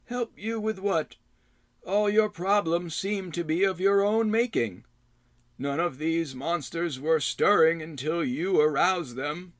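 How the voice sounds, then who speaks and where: A man voicing a gaunt old male hermit who chides slowly in a high, quavering voice. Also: dry recording. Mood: chiding. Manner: slow, drawn-out, high quavering delivery. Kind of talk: audiobook character voice.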